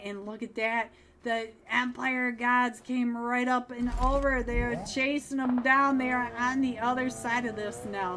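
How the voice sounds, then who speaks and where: A woman commentating a live mobile esports match on her own stream, in an easy chatty voice of middle pitch. She talks to her viewers, lifts sharply at big plays, and sounds a little worn as her voice goes. A faint hiss sits under the recording. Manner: chatty, upbeat, bursts of excitement at plays. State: losing her voice. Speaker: esports caster. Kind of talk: solo live game commentary.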